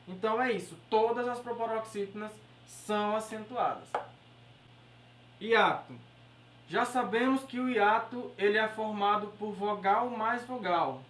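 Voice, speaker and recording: A woman with a Brazilian Portuguese accent teaching an exam-prep grammar lesson, explaining step by step and checking in with her listeners. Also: on the high side. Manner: explanatory, checks in with "beleza?" and "certo?". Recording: echoey room, voice from far off the mic.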